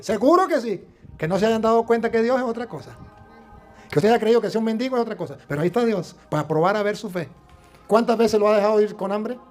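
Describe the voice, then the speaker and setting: High-voiced Venezuelan preacher man telling a parable. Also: a little mellow. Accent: Venezuelan Spanish. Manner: storytelling preacher acting out voices, questioning the congregation. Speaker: priest. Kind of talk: sermon.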